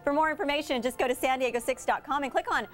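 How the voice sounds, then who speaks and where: A woman's voice: high voice, fast, faint music behind. A woman hosting a local TV segment, interviewing a guest with bubbly, enthusiastic reactions. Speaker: TV news host.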